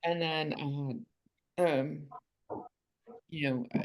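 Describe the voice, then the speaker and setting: A woman's voice: sits low, fairly even intonation, slow, crowd noise, low-quality recording. A woman in her fifties, an author guest on a podcast, chatting casually with a self-mocking sense of humor and rambling asides. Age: 50s.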